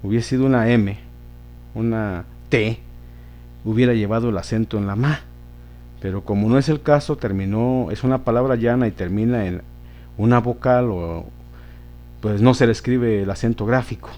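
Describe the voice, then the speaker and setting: A man's voice: on the low side, normal speed, long pauses, mellow. A man teaching a grammar lesson, patiently repeating words and checking in with his listeners.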